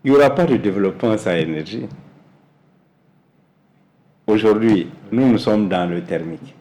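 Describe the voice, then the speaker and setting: A man from Mali, answering as an interview guest in a measured way, repeating words as he searches for them. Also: lowish voice, expressive, mellow. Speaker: guest, energy specialist.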